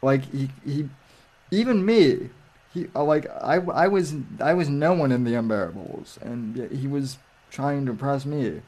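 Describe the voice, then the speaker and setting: A man chatting casually on a livestream, drifting through stories with halting restarts. He takes his time, speaking at a slow, unhurried pace in a middle-pitched voice. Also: darkish tone. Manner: rambling, halting storytelling with many restarts. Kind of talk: casual chat.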